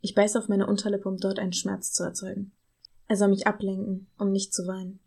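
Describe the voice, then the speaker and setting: A woman reads a first-person novel excerpt quietly and intimately as a podcast host. Her voice is husky with a gravelly edge, dark and mellow in color, and her pitch stays flat and even. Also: fairly quick. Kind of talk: audiobook excerpt reading.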